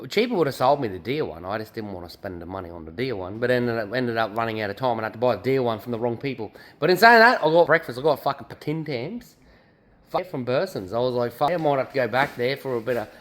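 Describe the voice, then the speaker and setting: In a low-quality recording, an Australian man with a mid-range voice vlogs casually from his garage workshop while prepping his drift car. A car builder and drift driver, he tells stories in a laid-back, rambling way, swearing freely as he goes.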